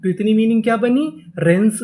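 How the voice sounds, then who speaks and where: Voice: mid-range voice, moderate pace, darkish tone. A teacher running a reading lesson, spelling words letter by letter, drawing them out and repeating each one several times. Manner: asks a question, then answers it right away. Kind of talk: classroom lesson for Hindi speakers.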